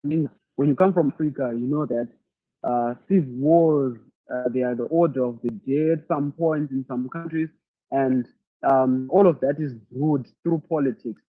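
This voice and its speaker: A man from Zimbabwe answering questions in an online masterclass, thoughtful and halting, often repeating words as he searches for them. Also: mid-range voice, dry recording. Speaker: leadership speaker answering questions. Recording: tinny phone-like audio.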